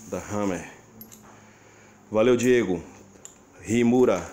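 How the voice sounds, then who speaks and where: A man with a Brazilian accent narrates a casual unboxing at home, halting and repeating his words, recorded on a handheld phone. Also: fairly low pitch, darkish tone. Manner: halting, pausing mid-phrase and repeating words. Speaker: giveaway winner unboxing a prize. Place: small furnished room at home, indoors. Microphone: handheld phone behind the camera. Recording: noisy handheld phone recording, handling clicks.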